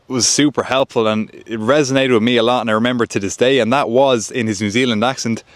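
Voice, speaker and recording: A man's voice: medium pitch, no echo. Male joint pain creator, earnest advice, dry close recording. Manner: earnest, repetitive emphasis. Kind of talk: direct-to-camera advice with a story.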